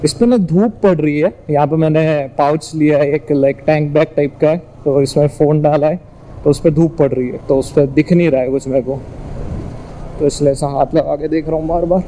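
A young Indian-accented man riding a motorbike on village roads chats informally as a motovlogger, mixing Hindi with English. His voice is a little high, mellow and steady in tone, at a moderate pace. The recording is rough, with clear engine and road noise.

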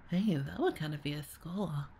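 In an ASMR audio roleplay, a woman acts alone as a young, lazy babysitter who gets flustered easily. Her deep voice is husky and breathy, often sinking to a near-whisper, as she hesitates, mutters, sighs and trails off. A faint hiss or hum is audible.

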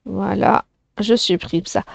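A woman's voice: mid-range voice, steady tone, slow pace, creaky, no echo. A woman teaching a French lesson to children, explaining patiently and often checking "d'accord?".

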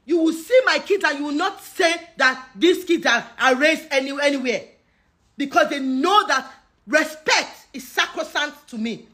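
A woman's voice: high-pitched, pushed and bright. A middle-aged Nigerian woman with a Yoruba accent, talking straight to camera in an impassioned rant, pleading and scolding as she moves between English and Yoruba. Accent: Nigerian, Yoruba-speaking. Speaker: social media personality.

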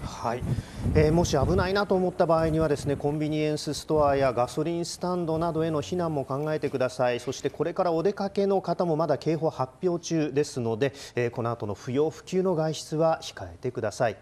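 A man's voice: on the high side, brisk, darkish tone. A man presenting a live news broadcast as anchor, giving advice and handing over to reporters.

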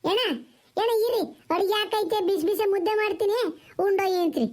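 A woman's voice: very high-pitched, normal speed, a little mellow. A woman playing a kind village housewife who soothes her brother. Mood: soothing. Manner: soothing, hospitable.

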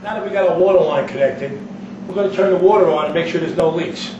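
With a voice on the high side and a fast pace, a man walks through a hands-on plumbing job step by step, speaking plainly as an instructor. It was captured in a home kitchen on a distant, noisy, dull lo-fi mic with echo filling the room.

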